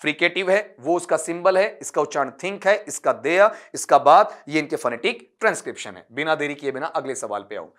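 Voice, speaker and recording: A man's voice: fairly high pitch, lively intonation, a little fast, few pauses, fairly bright tone. A male English teacher giving an online exam-prep phonetics lecture, patiently drilling sounds one at a time and addressing students as "beta". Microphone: recording from a desk for an uploaded class video.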